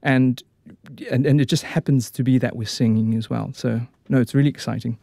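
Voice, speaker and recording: Kiwi opera tenor guest, dry close sound, rambly with lots of ums and restarts. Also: male voice, medium pitch, steady tone, a little fast, gravelly, dark tone, no room sound. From New Zealand. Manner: chatty, frequent fillers and restarts. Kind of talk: casual radio interview.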